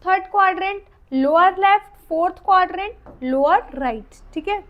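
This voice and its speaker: The recording is muffled: a woman with an Indian accent and a very high voice teaches dentistry for exams. She slowly reads definitions in English, then explains in Hindi while posing questions to students, and while drawing she counts teeth aloud in a soft, fading murmur.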